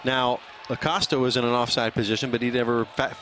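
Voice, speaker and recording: A man doing live play-by-play soccer commentary, calling player names in brisk short bursts. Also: mid-range voice, steady tone, fairly bright tone, slight background noise.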